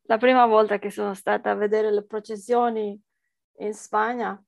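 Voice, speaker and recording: A woman's voice: mid-range voice, flat delivery, normal speed, vocal fry, no echo. A woman researcher with a foreign accent, answering interview questions hesitantly as she searches for words in a language that is not her first. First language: not Italian, speaks it as a foreign language.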